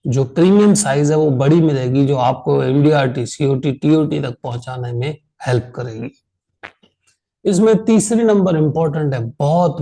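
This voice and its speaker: An Indian man leading an online insurance sales training, tired after a long meeting, speaking slowly and repeating key phrases for emphasis. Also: fairly high pitch, vocal fry, warm tone, rough recording.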